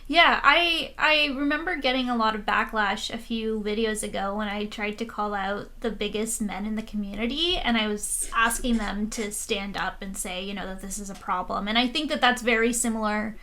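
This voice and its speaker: A woman hosting a casual conversation, earnest and measured as she talks. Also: medium pitch, pushed and bright. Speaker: host.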